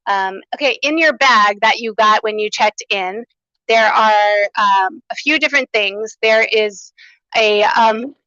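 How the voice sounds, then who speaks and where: A woman coordinating and hosting a small conference gives upbeat, enthusiastic welcoming remarks and housekeeping notes in a loud voice without a microphone, captured as a room recording. Her voice is mid-range and unhurried, and the recording is dry and dull.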